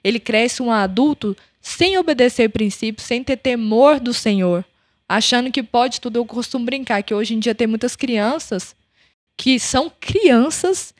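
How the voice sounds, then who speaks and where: A woman's voice: on the high side, a little slow, dry recording, studio quality. A young adult Brazilian woman hosting a podcast, telling a personal story and acting out the dialogue in it. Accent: Brazilian Portuguese. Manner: animated, acts out the dialogue of her story. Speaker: podcast host.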